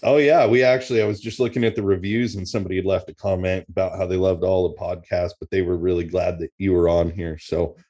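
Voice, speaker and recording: Low-voiced, easygoing man in conversation. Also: flat delivery, fast, few pauses, warm tone. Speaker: podcast guest. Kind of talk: casual chat.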